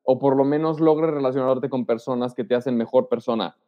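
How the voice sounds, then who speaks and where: A brisk, medium-pitched man appears as a guest in a relaxed interview, sharing social advice and dramatizing sample lines in an animated way. The recording has a dull tone and lingering reverb.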